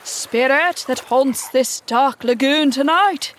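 A woman voicing a menacing, brooding male pirate captain in a storybook, with grandiose, drawn-out archaic speech. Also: on the high side, a little hiss or hum. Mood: summoning.

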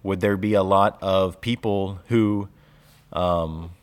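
A young man with a Southern US accent, co-hosting a casual faith podcast, reading scripture and talking with animated, laughing energy and frequent restarts. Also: low voice, slow. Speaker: podcast co-host, church leader.

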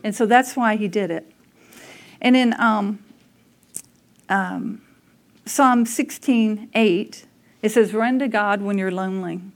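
A woman speaking at a church service delivers a conversational sermon in a mid-range voice, slowly and with long pauses. Her personal stories are candid, and she often laughs at herself.

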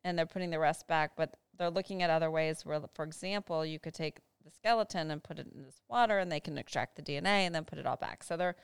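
A woman's voice: deep voice, fast talker, vocal fry, hardly any pauses, clear, resonant tone, dry recording, clean studio sound. A woman co-hosting a casual chat, reading passages aloud and discussing them with fillers. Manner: reads aloud, then chats with fillers. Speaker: co-host.

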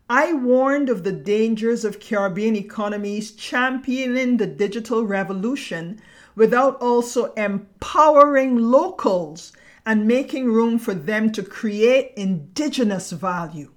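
Middle-aged Barbadian woman, essayist host; reads her script slowly and deliberately, with poetic phrasing, at a mid pitch. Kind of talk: scripted reflective narration.

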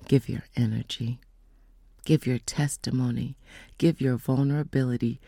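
A woman telling a faith testimony in a casual storytelling way, slowing down and dropping to whispers for emphasis. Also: extremely low pitch, mellow, no room sound, studio quality. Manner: storytelling, acts out quoted voices; slows down for emphasis, drops to whispers. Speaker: speaker giving a testimony.

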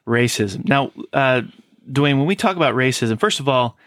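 A man hosting a podcast as a pastor, interviewing a guest with a halting, filler-heavy way of talking. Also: medium pitch, animated, a bit bright, dry recording, studio quality. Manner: halting, many fillers and restarts. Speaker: host and lead pastor.

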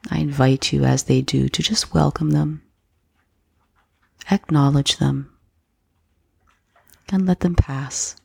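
A woman guiding a slow breath-counting meditation in a soft, gentle, breathy voice with unhurried pauses. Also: low voice, dry recording. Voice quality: soft, breathy, husky, often near whisper. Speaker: meditation guide.

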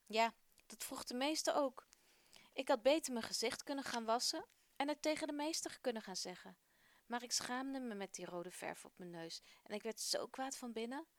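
A woman's voice: a little high, normal speed, dry recording, natural voice. A woman voicing an eager young schoolboy who loves making up stories, talking earnestly in a children's radio story.

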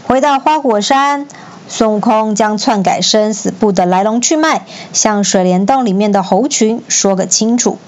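A woman storyteller reading a children's classic aloud in an expressive, lively manner. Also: medium pitch, moderate pace, muffled recording.

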